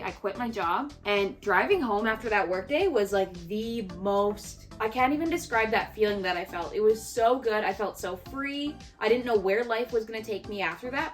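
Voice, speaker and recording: A woman in her twenties from Canada, talking earnestly and casually to camera with lots of "like" fillers as she gives life advice. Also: medium pitch. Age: 20s. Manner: chatty and earnest, with frequent "like" fillers. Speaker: lifestyle creator.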